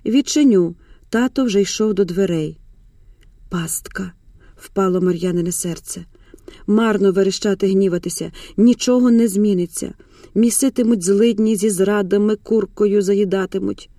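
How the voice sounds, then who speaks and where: A woman narrates a novel in a measured, expressive way. Her voice is dark and mellow, with a middle pitch. The recording is close and dry. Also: dry recording. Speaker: audiobook narrator.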